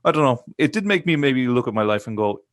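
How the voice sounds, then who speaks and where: A man's voice: mid-range voice, lively intonation, fast, a little hiss or hum. A man of thirty, chatting casually and thinking aloud on a podcast, with lots of fillers and restarts. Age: 30s. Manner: rambling, reflective, many fillers and restarts. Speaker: podcast co-host. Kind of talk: casual chat.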